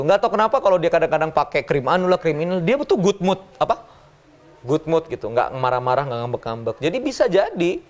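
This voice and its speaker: Lively man giving a business seminar. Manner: playful, acts out little scenes with jumps in pitch, laughs often. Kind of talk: animated motivational seminar talk.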